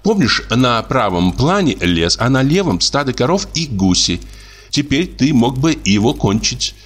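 A man's voice: very animated, unhurried, breathy edge. A man voicing a tearful, needy young woman who pleads and sobs as he reads a story aloud. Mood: wistful. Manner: sobbing, pleading high-pitched delivery.

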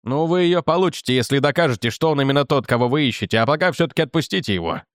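A man voicing a calm young man who speaks curtly and reasonably. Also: medium pitch, very fast, dry recording, close to an everyday voice. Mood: persuasive. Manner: dry, curt, reasonable.

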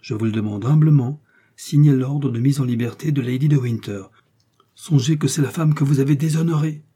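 This is a stern, zealous officer making insistent demands in an audiobook, as a male narrator acts him out, louder than the reader. The voice is dark and husky. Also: medium pitch, brisk, lightly acted. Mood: fervent. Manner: fervent, pleading, insistent.

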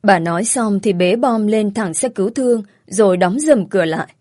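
A woman's voice: medium pitch, normal speed, darkish tone, dry recording, clean studio sound. A woman narrating an emotional first-person story. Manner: earnest and emotional.

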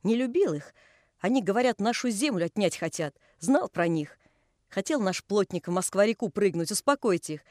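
A woman's voice: mid-range voice, expressive, normal speed, a little mellow, lightly acted. An old, devout carpenter, played by a woman chides in a homely, folksy way and spins long stories of the old days. The voice is close and dry with no room echo, in a storybook reading. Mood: reminiscing. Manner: folksy, chiding. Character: pious old male carpenter, scolding, storytelling.

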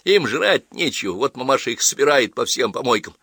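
A man reading an audiobook voices an angry, tearful teenage girl in high, shrill outbursts. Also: sing-song, brisk, pushed and bright, husky, no echo, clean studio sound, heavily acted. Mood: agitated chatter.

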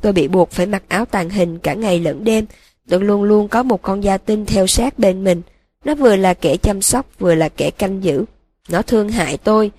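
A woman reading a broken young wizard's flat confession. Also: mid-range voice, moderate pace, no echo, close to an everyday voice. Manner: flat, emotionless monotone. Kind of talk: audiobook reading.

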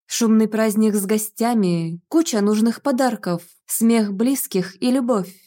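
A woman narrating a first-person fantasy audiobook. Her voice sits a touch high, with lively storytelling. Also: measured pace.

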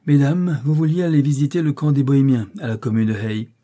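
A man's voice: mid-range voice, expressive, fairly quick, mellow, breathy edge, voice pushed up. A man voicing a hearty, declaiming army colonel in a storybook reading.

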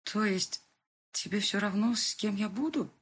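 A woman reading an audiobook, voicing a distraught young heroine in a husky, pleading voice. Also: medium pitch, normal speed, voice pushed up. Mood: tearful. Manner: pleading, tearful.

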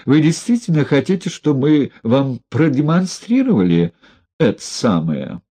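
A man voicing a frightened young woman caught in a hotel bed, babbling and pleading in a high, strained voice, reading a story aloud. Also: very animated, normal speed, mellow, husky, full character voice. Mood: coy.

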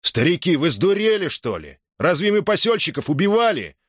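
A man's voice: on the high side, very animated, normal speed, no room sound, clean studio sound, pitched above the performer's own voice. A man doing a fiery soldier orator. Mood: defiant. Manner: loud, forceful oratory.

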